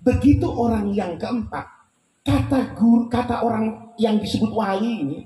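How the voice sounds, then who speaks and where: A male preacher telling a funny story in a sermon, joking and animated as he retells it. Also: high voice, normal speed. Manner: lively, jokey, animated retelling. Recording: roomy with faint hum.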